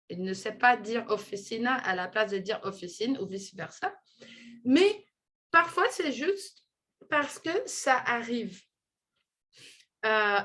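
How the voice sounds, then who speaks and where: A woman giving a conference lecture on linguistics, explaining in a measured way and often restarting her sentences. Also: on the high side, a bit bright. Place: lecture room with an audience.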